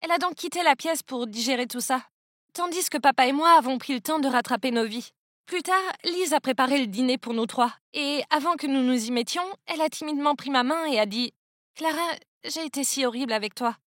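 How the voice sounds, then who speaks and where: A woman's voice: high voice, brisk, a bit bright, no room sound, clean studio sound. A young woman narrating a first-person story in a scripted, dramatic, exclamatory way.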